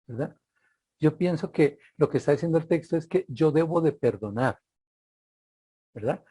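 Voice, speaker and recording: Male preacher, husky voice, dry close sound, sermon full of rhetorical questions. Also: on the high side, warm tone, no echo. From Colombia. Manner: rhetorical questions, frequent "¿verdad?".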